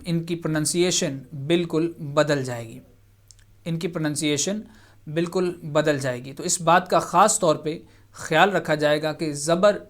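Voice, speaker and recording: Patient, higher-voiced man teaching Quran reading. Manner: patient, repeats each point, drawing out sounds slowly. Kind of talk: televised Quran reading lesson.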